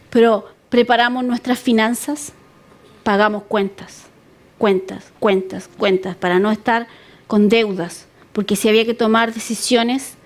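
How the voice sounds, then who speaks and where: A woman pastor preaching with a high, clear-toned voice. She talks earnestly and repeats key words to drive them home. At times she acts out prayers in a pleading tone. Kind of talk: sermon.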